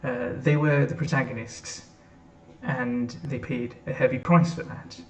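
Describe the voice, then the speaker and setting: A man giving an earnest prepared tribute as a member of an editorial board, pausing on "um" fillers. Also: medium pitch, fairly even intonation. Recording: echoey room, mic far off.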